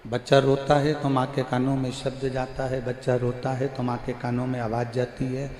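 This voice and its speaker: A man preaching a devotional sermon, slowly repeating his lines for emphasis, with a verse chanted now and then. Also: mid-range voice, monotone, darkish tone, a little hiss or hum. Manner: slow, repetitive, emphatic preaching. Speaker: preacher of religious discourse. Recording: echoey hall with faint music.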